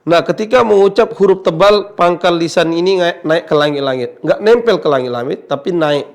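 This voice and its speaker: A man's voice: high-pitched, brisk. A man teaching Quran pronunciation in a TV lesson, patient, repeating his points and drawing out example sounds. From Indonesia. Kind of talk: Islamic TV lesson.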